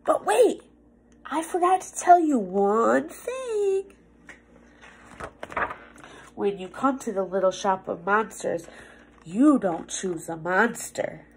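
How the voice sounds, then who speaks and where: A medium-pitched young woman reads a picture book to children in a small office room indoors, with background noise audible. Acting the teacher, she makes the read-aloud animated, expressive and playful, stretching words for effect and adding hushed asides.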